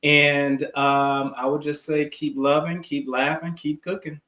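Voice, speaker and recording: A man co-hosting while serving a dish he cooked, in a relaxed, homey way, from a kitchen. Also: fairly high pitch, a little slow. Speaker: cook and co-host. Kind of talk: casual chat while serving food. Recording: roomy sound with faint background noise.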